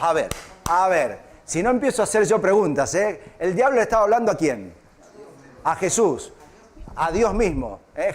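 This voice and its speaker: A man's voice: high voice, darkish tone. Questioning man preaching a sermon. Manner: asks the congregation questions, repeats "¿eh?". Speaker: pastor. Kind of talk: live church sermon. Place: church hall.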